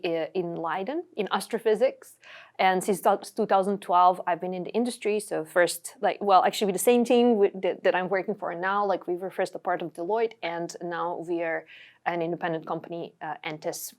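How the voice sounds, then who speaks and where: A woman's voice: on the low side, steady tone, moderate pace. A woman from Serbia in her forties, giving a webinar talk with frequent fillers and restarts. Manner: many fillers and restarts, uses "like" often. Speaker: guest speaker. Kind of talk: webinar presentation.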